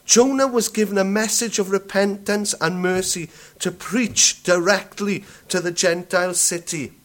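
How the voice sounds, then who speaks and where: Slow-paced male preacher, repeats himself, leans on rhetorical questions. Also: high-pitched, steady tone, a bit bright. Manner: restarts and stumbles over words. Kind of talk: sermon.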